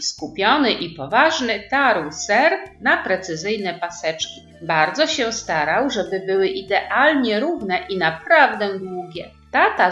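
A woman narrating a children's story with warm, animated storytelling, in a roomy recording with faint music. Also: mid-range voice, muffled recording. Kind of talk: expressive children's story reading.

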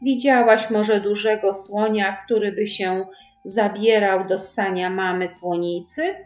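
A woman voicing a patient young mother in a storybook, speaking softly and coaxingly. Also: medium pitch, steady tone, a little slow, echoey room, lo-fi sound, natural voice. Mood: gentle. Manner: soft, coaxing. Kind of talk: storybook reading.

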